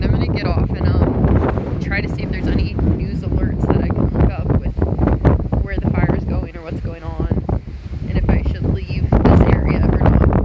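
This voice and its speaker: A woman talking casually and anxiously on a live phone stream, rambling as she speaks over strong wind on an exposed clifftop. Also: medium pitch. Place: outdoors at night on a windy roadside ridge. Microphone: handheld phone. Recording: loud wind buffeting the microphone.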